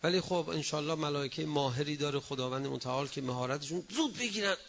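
A male preacher giving a religious sermon, exhorting his listeners, swinging between loud emphatic bursts and low asides, and acting out quoted people in a raised voice. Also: vocal fry, slight background noise.

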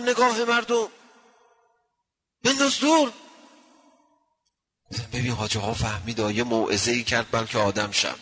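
A man's voice: a little high, husky. Preacher man in a reverberant hall. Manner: storytelling, swinging from quiet to loud. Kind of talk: religious sermon with anecdotes.

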